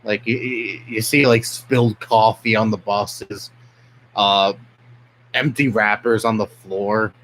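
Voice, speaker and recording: A man's voice: fairly low pitch, steady tone, slow pace, fairly bright tone, slight background noise, rough recording. Profane young man ranting on stream. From New York City. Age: young adult. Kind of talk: casual live-stream chat.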